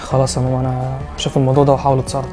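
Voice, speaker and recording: A man's voice: medium pitch, completely flat delivery, rapid-fire, music in the background. A young man with an Egyptian accent acting a hesitant, stammering husband in a comedy sketch. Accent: Egyptian Arabic.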